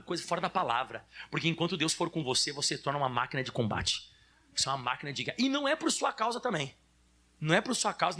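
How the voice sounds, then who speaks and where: A male pastor from Brazil preaching a fiery sermon at a church service, with sudden shouted peaks. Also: on the high side, slightly rough.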